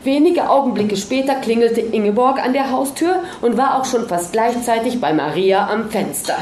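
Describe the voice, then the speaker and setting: Woman reading a crime story out loud, dramatic, echoey room, bit of hiss. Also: fairly high pitch, lively intonation, normal speed. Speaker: narrator. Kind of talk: storytelling read-aloud.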